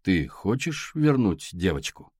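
Man doing a cold, musing stranger in dark glasses. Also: big pitch swings, slightly rough, no echo, clean studio sound, exaggerated voice. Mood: quietly probing. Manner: low, slow, coldly musing.

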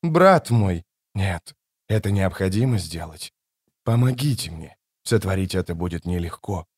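A man voicing a solemn elder god who speaks in low, heavy pronouncements, in an audiobook. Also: lively intonation, unhurried, breathy edge, dry recording, studio quality, full character voice. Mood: grave.

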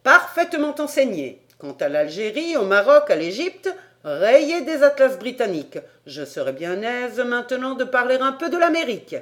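A woman voicing an excitable middle-aged male French geographer who bursts into loud, fussy exclamations. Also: on the high side, moderate pace, voice pushed up. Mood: excited.

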